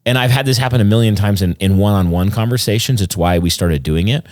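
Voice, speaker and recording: Earnest low-voiced pastor, dry close sound. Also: male voice, quick pace, darkish tone, dry recording. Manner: earnest, explanatory, rambling with restarts. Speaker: pastor and podcast co-host. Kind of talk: casual conversational podcast chat.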